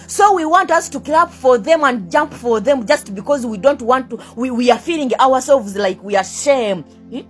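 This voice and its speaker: A young Ugandan woman vlogger with a high voice and a Ugandan accent launches into an angry rant straight to camera. Heated and animated, she talks at normal speed with few pauses, hammering the same rhetorical questions, switching between two languages, and swearing and sneering at her critics. Faint music plays underneath.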